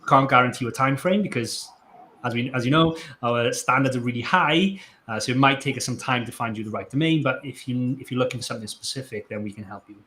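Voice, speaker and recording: A man co-hosting a live online show, answering viewer questions in a measured, plain-spoken way. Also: mid-range voice, sharp tone. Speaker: co-host. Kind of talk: casual live-stream chat.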